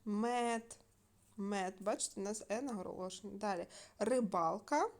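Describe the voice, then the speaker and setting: A woman teacher recording a video lesson for young pupils. She dictates words slowly and clearly and stretches the syllables she wants the children to hear. Her pitch stays at a middle height, and small fillers slip in as she moves between steps. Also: a little mellow. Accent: Ukrainian. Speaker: primary school teacher.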